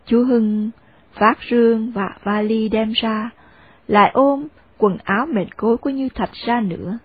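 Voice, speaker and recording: A woman tells the story in a slightly husky, fairly high voice with steady narration. The recording is dry and narrow, like a phone line. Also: measured pace, no room sound. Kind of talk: audiobook narration.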